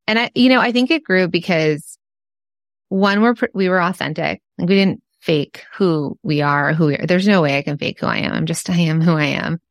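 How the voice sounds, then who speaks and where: A woman's voice: fairly low pitch, moderate pace, no room sound, clean studio sound. A woman with a Californian Valley Girl accent, chatting candidly and informally as a podcast guest. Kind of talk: casual interview chat.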